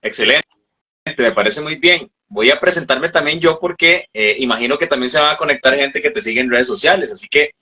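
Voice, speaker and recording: Male host, husky tense tone, halting casual delivery. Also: mid-range voice, pushed and bright, low-quality recording. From Costa Rica. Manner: hesitant, many fillers and restarts. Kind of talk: casual interview chat.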